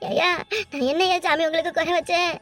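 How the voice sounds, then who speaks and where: A woman's voice: very high-pitched, brisk, fairly bright tone, soft background music. A woman voicing a distraught young wife in a Tamil cartoon, wailing and accusing in a southern Tamil accent. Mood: anguished. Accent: southern Tamil Nadu.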